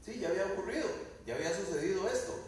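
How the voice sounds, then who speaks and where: A man's voice: high-pitched, lively intonation, rapid-fire. A male pastor preaches a sermon, asking the congregation questions and acting out quoted lines. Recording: very echoey room, mic at a distance.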